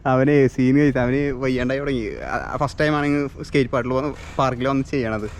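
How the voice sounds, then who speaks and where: A man with a Kerala accent chatting excitedly as a vlogger, mixing English slang into his Malayalam. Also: mid-range voice, fast. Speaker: vlogger, host. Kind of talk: excited casual outdoor vlog chat. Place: outdoor skate park.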